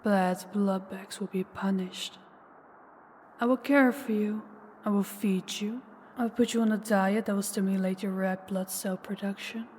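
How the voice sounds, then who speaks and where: In an intimate audio roleplay, a woman voices a possessive, menacing ancient vampire who toys with a captive huntress, taunting and commanding with cold threat and sometimes sinking toward a whisper. Her medium-pitched voice is steady, a little slow and a little mellow, natural, and recorded in a large hall with slight background noise.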